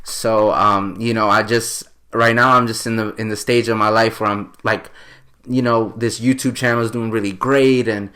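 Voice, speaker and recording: Low-voiced rambling young podcast host. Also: male voice, level tone, normal speed, bright, forceful tone. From New York. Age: 20s. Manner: rambling and earnest, many fillers and restarts. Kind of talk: casual podcast chat.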